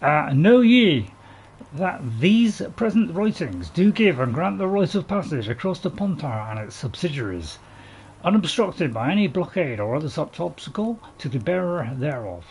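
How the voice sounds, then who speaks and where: Guy doing a pompous king reading a decree for a game vid, stately, bit high n croaky. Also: very animated, moderate pace, darkish tone, a little hiss or hum, low-quality recording. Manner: declaiming, stately.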